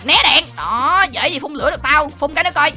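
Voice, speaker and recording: A woman's voice: high-pitched, lively intonation, quick pace, bright, forceful tone, soft background music. A young woman hosting a gaming video, dramatic and exclamatory, full of shrieks and teasing threats. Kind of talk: excited game commentary.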